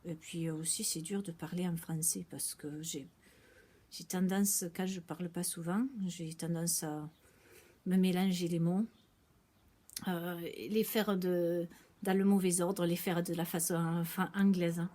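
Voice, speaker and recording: A woman from South-West France talks to camera in a relaxed vlog. Her voice sits fairly low and has a husky, breathy edge, and she works her thoughts out aloud with hesitant pauses and restarts. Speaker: vlogger. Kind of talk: casual vlog monologue.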